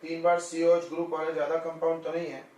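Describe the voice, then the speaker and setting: A man's voice: on the high side, flat delivery, fast, a little mellow, distant mic. A male chemistry teacher giving a classroom lecture, explaining step by step and often checking that students follow. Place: coaching classroom. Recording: echoey classroom.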